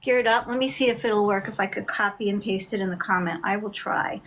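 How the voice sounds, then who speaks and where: A woman in her fifties, an author, chatting loudly and effusively on a live stream. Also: mid-range voice, brisk, a little hiss or hum. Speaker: author guest. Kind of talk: casual live-stream chat.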